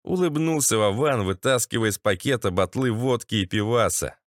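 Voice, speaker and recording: A man's voice: lowish voice, normal speed, dry recording, clean studio sound. A man narrating a gritty first-person audiobook in a tense, sardonic manner.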